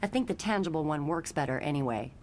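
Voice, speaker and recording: A woman with a low, expressive voice speaks quickly over a faint hiss or hum. She voices a friendly young telepath in a motion comic who knowingly guides a newcomer, sounding chatty and matter-of-fact in this expository performance.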